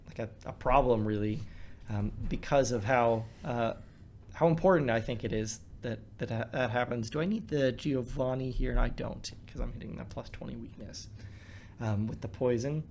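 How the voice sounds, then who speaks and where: A man's voice: medium pitch, normal speed, a little mellow, slight background noise. Man musing aloud, full of fillers. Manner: thinks aloud with many fillers and restarts. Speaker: co-host discussing a card game. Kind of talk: casual gameplay commentary.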